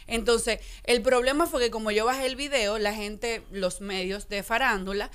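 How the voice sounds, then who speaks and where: A Dominican woman in her thirties, a guest telling her side of a story in a radio studio interview, emphatic and animated. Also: a little high, moderate pace, smooth. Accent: Dominican Spanish. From Dominican Republic. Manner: animated, emphatic storytelling with lively hand gestures. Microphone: studio mic on boom arm.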